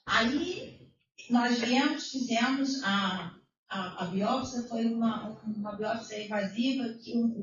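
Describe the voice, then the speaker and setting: Emotional woman testifying in echoey church. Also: on the high side. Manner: emotional, retells dialogue, exclaims praise. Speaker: church member giving testimony. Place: church hall. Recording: roomy echo, distant mic, dull sound.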